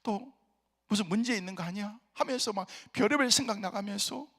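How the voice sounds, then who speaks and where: Middle-aged guy pastor telling a story, high pitched, acts out the argument lines. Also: brisk, big-room sound. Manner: animated storytelling, acts out both sides of an argument. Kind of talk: sermon with a personal story. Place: prayer retreat center chapel.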